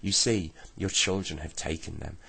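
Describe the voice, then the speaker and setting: A man's voice: rumbling low, fairly even intonation, normal speed, gravelly, pushed and bright, husky, exaggerated voice. A man voicing a polite, eager young boy in a storybook. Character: eager young boy trying to make amends.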